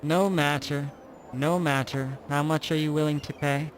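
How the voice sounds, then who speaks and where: Gnome captain for tabletop game man performing: curt, wary, unhurried delivery. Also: on the high side, fairly even intonation, slight background noise, voice pushed up, natural voice. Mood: suspicious. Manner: slow, terse, suspicious. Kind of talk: tabletop role-play.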